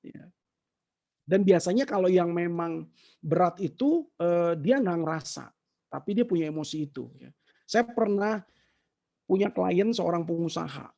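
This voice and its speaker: A man, giving an animated, casual talk and answering questions in an online session. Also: fairly high pitch, vocal fry. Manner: animated storytelling, mixes in English words. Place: online session over a shaky connection.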